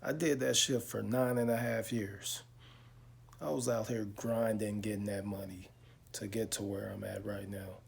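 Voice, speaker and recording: A man, talking slowly and reflectively to his viewers in a casual vlog, with lots of pauses and fillers. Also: fairly low pitch, fairly even intonation, gravelly, breathy edge. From Chicago. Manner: slow, reflective storytelling with many pauses and fillers. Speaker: car vlogger. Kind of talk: casual talk to camera.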